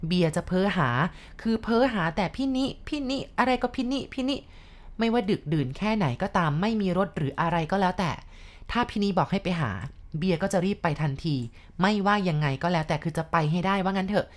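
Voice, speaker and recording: A woman's voice: medium pitch, a little fast. A woman casually retelling a ghost story in a chatty way, stopping for explanatory asides. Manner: chatty, adds explanatory asides and polite particles.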